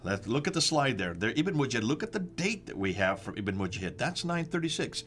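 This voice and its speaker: An American man from the United States hosts a discussion, going through slides with emphatic rhetorical questions and stressed dates. His medium-pitched, somewhat bright voice swings widely in pitch and moves fairly quickly, with slight background noise.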